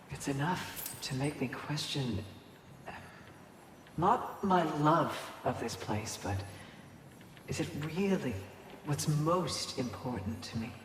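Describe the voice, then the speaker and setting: An actress voices a solemn, gentle, resolute valkyrie in a video game, her female voice rumbling low. She delivers dramatic lines in measured, deliberate, earnest phrases with pauses, and the recording has a long echoey reverb and faint background noise.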